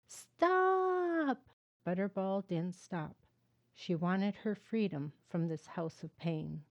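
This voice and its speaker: Low, mellow woman reading her book. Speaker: author and host.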